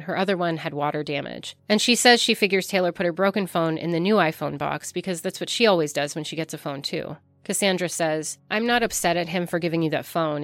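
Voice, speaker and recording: A woman giving scripted true-crime narration in a measured, descriptive way. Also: low-pitched, fairly bright tone, no room sound.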